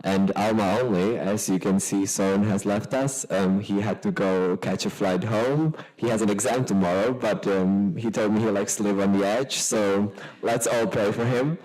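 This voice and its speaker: Low-voiced joking panel moderator man. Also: steady tone, moderate pace, few pauses, darkish tone, poor audio. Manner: light and joking between questions.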